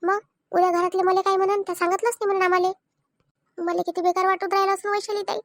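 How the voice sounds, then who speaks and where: A woman's voice: very high voice, flat delivery, fast, no echo, clean studio sound. A woman voicing a tearful, stubborn young wife in a cartoon family drama, speaking with an insistent, complaining manner. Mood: aggrieved.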